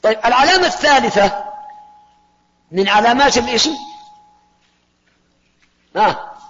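A male teacher giving a grammar lesson to students, repeating key terms and prodding them with quick questions. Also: extremely high pitch, lively intonation, a bit bright, long reverb tail, highs cut off, slight background noise.

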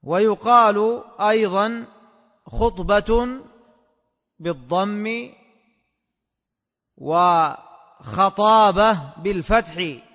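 A man teaching a class on a classical text in a measured, scholarly way, repeating phrases slowly as if for dictation. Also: high voice, a bit bright, in a large hall. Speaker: teacher of hadith commentary.

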